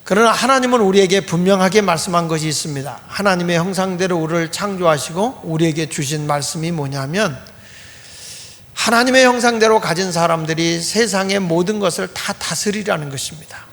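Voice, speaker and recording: Middle-aged male pastor, high voice, plain repetitive sermon delivery, church hall reverb. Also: fairly quick, fairly bright tone. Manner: plain, explanatory preaching with repeated emphatic phrasing. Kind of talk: Sunday sermon. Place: church sanctuary.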